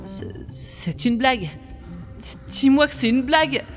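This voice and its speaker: A woman dubs a game's heroine, breaking off to joke about her own tongue-twisted lines. Her voice sits fairly high. Game music is clearly audible behind her. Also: lively intonation, a little slow. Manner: stumbling on words, self-mocking. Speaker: fan dubber playing the heroine. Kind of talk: game fan dub with asides.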